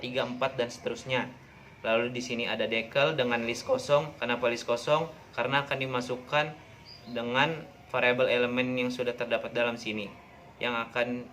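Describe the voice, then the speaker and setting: Young man giving a halting student presentation. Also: mid-range voice, a bit bright, a little hiss or hum. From Indonesia. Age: young adult. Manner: plain, halting explanation with self-corrections. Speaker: informatics student. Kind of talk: class project presentation.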